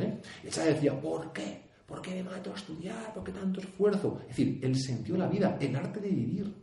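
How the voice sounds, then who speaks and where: A priest with a Castilian Spanish accent giving an earnest conference talk, full of restarts, rhetorical questions and a tag "¿eh?". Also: male voice, fairly high pitch, dark tone. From Spain. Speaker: priest and pastoral speaker. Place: conference hall. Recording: echoey hall.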